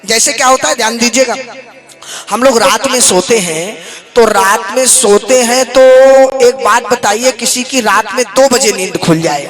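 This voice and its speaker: A man preaching a devotional sermon to a live audience, shifting from talk into slow, melodic chanting of Sanskrit verses and asking the listeners questions. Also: very high-pitched, over music. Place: hall with a seated audience.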